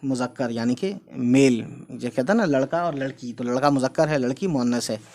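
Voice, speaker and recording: A man's voice: mid-range voice, a little fast, darkish tone. A man teaching a class, going through words one by one and often checking with "theek hai" as he explains. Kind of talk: casual classroom lesson.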